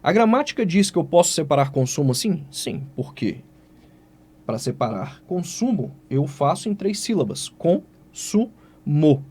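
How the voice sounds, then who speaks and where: A man's voice: on the high side, moderate pace, slight background noise. A man with a Brazilian Portuguese accent teaching an exam-prep writing lesson, who keeps asking questions aloud and answering them himself. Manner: lively, asks and answers his own questions.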